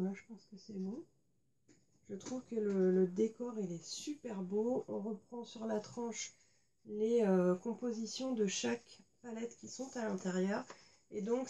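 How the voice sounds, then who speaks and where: A woman's voice: a little high, vocal fry, warm tone, slight background noise. A woman chatting casually as she unboxes and shows makeup at home, talking with many hesitations and fillers. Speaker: beauty vlogger. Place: indoors at home.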